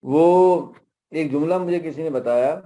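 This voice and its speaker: A middle-aged man with a Pakistani accent, pitched a little high, leads a workshop in an easygoing, storytelling way. His tone is mellow and soft-edged. He often breaks off into asides. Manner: conversational, anecdotal, with frequent asides. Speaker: parenting workshop speaker. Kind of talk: workshop lecture.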